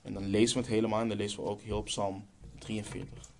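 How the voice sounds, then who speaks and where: A man preaching a sermon, earnest and measured, slowing down on key phrases and then reading scripture aloud. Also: fairly low pitch, level tone, gravelly, a little mellow.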